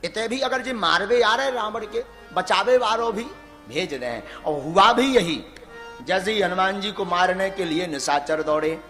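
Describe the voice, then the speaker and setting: A man's voice: sits high, measured pace, pushed and bright. A man telling a devotional story as a sermon, acting out the dialogue and chanting verses. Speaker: religious storyteller. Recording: echoey hall with music behind.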